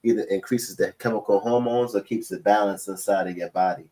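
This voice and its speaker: A man's voice: on the low side, fairly quick, warm tone, poor audio. A man, rambling through casual slangy chat and often checking in with the listener. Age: late 30s.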